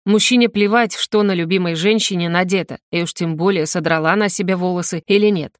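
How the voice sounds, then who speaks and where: Brief: teasing, growly young policeman as a woman reads him, husky edge, dry close sound. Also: fairly low pitch, steady tone, brisk, no echo, natural voice. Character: gruff young male police officer, teasing. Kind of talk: audiobook character voice.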